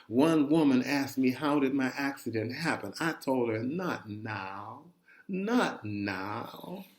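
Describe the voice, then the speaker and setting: A man reads a first-person chronicle aloud like a dramatic storyteller, his voice sitting on the low side. He sounds conversational and expressive, leaning deliberately on his phrasing.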